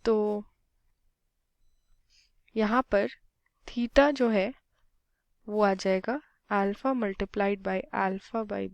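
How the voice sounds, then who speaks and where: A woman, slowly working through a physics problem step by step in a mix of Hindi and English. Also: mid-range voice, fairly even intonation, vocal fry, no echo. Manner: unhurried, mixes Hindi and English, talks through each step aloud. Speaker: physics tutor. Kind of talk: slow step-by-step problem solving.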